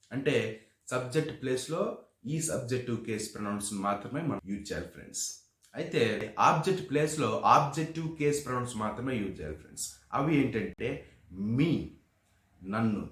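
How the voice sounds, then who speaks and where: Man teaching grammar in an echoey room. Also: mid-range voice. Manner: calls listeners "friends" often, explains word by word. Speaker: English teacher. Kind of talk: explanatory video lesson.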